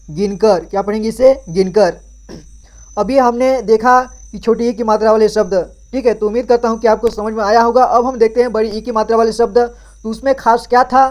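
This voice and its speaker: A man's voice: extremely high pitch, darkish tone. Patient man teaching Hindi reading. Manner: patient, repeats each syllable, asks the viewer to read. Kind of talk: children's reading lesson.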